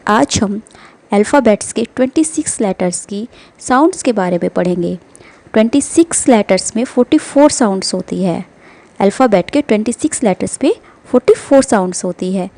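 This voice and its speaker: A young woman teaching English phonics in a slow, careful way, repeating each example word. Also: a little high, mellow. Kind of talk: phonics lesson in Hindi-English mix.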